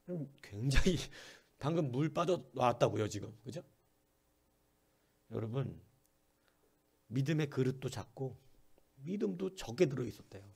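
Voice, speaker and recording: Man preaching, dark husky voice. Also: medium pitch, expressive, moderate pace, pauses often. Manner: conversational preaching, often asking the congregation questions; acts out quoted voices, from soft whispers to sudden loud bursts. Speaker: pastor. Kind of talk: sermon.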